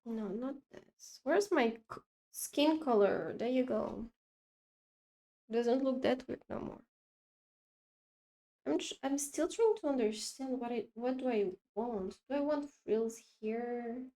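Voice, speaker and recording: A young woman streaming while she draws, chatting casually to her viewers in a rambling, excitable way that keeps breaking off mid-sentence. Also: fairly high pitch, takes it slowly. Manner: rambling, self-interrupting, excitable.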